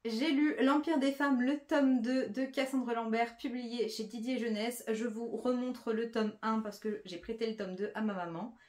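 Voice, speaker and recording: A woman's voice: fairly high pitch, darkish tone. A woman talking casually about books she has read, chatty, with frequent fillers and restarts. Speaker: book vlogger. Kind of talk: casual book review.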